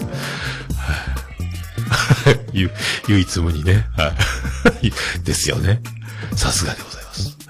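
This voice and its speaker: A middle-aged man hosting a casual solo podcast, reading listener messages and chatting with frequent laughs. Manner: chatty, laughs often, swoops up into high falsetto when demonstrating singing.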